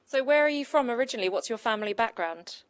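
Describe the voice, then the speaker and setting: A woman interviewer putting brisk, prepared questions to her guests. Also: fairly high pitch, animated.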